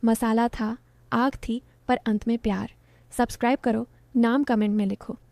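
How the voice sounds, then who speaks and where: A middle-aged woman tells a first-person story with a steady, even delivery. Her voice sits fairly high but sounds mellow and warm. The recording is close and completely dry. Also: moderate pace, vocal fry, dry recording.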